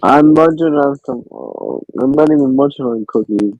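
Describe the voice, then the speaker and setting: A man's voice: mid-range voice, huge pitch swings, moderate pace, gravelly, no room sound, lo-fi sound. A man joining a casual stream chat, teasing and crude.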